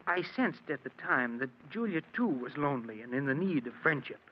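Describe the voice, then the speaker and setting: A man's voice: medium pitch, expressive, fairly quick, close to an everyday voice. An actor in an old-time radio drama, playing an unhappily married, lovelorn man with earnest, dramatic delivery. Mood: wistful, confessional. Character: unhappily married man confessing his past, lovelorn, bitter. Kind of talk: old-time radio drama acting, first-person narration and dialogue. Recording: muffled, noisy old radio recording.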